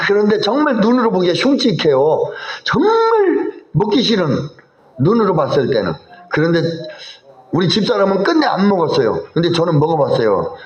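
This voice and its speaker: A high-voiced male pastor preaches with a lively, sweeping delivery and keeps turning questions back to his congregation. His voice echoes through a church sanctuary, and the recording sounds a little dull. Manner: animated, asks the congregation questions. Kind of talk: sermon.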